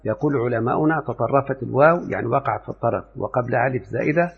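Gravelly Egyptian teacher, tinny echoey sound. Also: male voice, mid-range voice, rapid-fire. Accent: Egyptian Arabic. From Upper Egypt. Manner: explains step by step, often quizzing his students. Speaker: grammar teacher. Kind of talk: classroom lecture on Arabic morphology. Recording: phone-like audio with long reverb.

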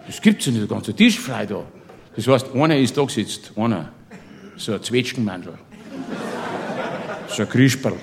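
A man's voice: lowish voice, expressive, moderate pace, gravelly, pauses often. A man with a Bavarian accent telling a comic story in dialect, laughing through it and tossing chummy asides to the listener. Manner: boisterous, keeps laughing through his own tale.

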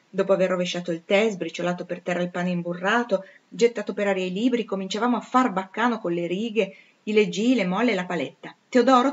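A woman's voice: mid-range voice, muffled recording, natural voice. A woman reading aloud, voicing a haughty young noblewoman who speaks with scorn and chatters with disdain.

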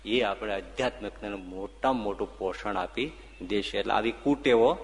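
A man, a swami, telling devotional stories in a sermon, moving between hushed passages and loud, ringing ones. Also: fairly low pitch, normal speed. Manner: expressive, swings from hushed to loud. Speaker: swami preacher. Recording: long hall reverb.

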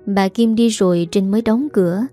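Mellow-voiced woman reading a story. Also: mid-range voice, moderate pace, soft background music. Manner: reads all characters in one even voice. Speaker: narrator. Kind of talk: storytelling narration.

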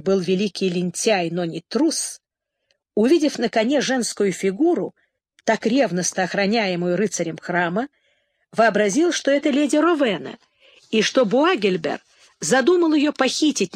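A woman narrating a novel in a measured, even reading voice as an audiobook narrator. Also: mid-range voice, no room sound, studio quality.

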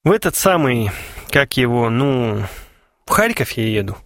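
A man's voice: mid-range voice, big pitch swings, a little slow, fairly bright tone, no echo, clean studio sound. A man voicing a cheerful, ironic young man who teases his friends, with a wry, mocking delivery. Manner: wry, teasing. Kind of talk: audiobook character voice.

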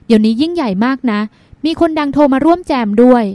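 A woman reading the part of a calm, gentle young man speaking softly to his girlfriend in an audiobook. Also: very high voice, fast, dry recording. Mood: soothing.

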